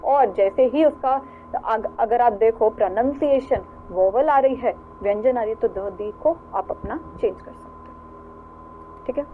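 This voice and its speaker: A woman teaching English grammar to students in Hindi, with Indian-accented English examples, repeating words slowly and checking in with "theek hai". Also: fairly high pitch. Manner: addresses students as "beta". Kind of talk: recorded grammar lecture. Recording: tinny phone-like sound with faint hiss.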